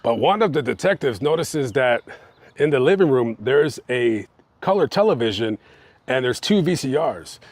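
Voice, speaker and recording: A man's voice: medium pitch, animated, normal speed, dry recording. A man hosting a true-crime channel, telling the story on location in a casual, conversational way, with plenty of fillers as he talks to his viewers. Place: on location outside a house.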